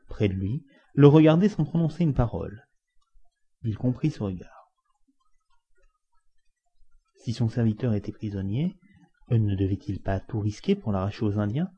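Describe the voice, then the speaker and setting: On a dull lo-fi recording, a man with a dark, lowish voice performs expressive scripted narration of a classic novel as an audiobook reader, using dramatic and varied emphasis.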